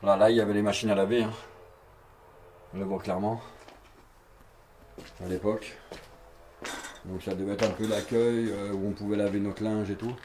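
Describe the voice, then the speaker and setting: A man's voice: on the low side, little pitch movement, normal speed, long pauses, warm tone, a little hiss or hum. A man in his forties walks through an abandoned campsite, talking casually to his action camera with lots of fillers and repeats. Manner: chatty, rambling, many fillers and repeats. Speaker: urban explorer vlogger. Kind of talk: casual walking commentary to camera. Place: outdoors at an abandoned burned campsite. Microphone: handheld or chest action camera.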